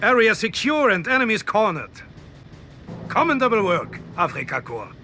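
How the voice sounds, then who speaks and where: This war-game cutscene has an actor fully in character as a commanding German general, a confident, calculating desert war strategist giving briefings with formal, clipped, authoritative orders. His high male voice is very animated and sharp at a moderate pace, sounding brisk and satisfied, with soft music behind.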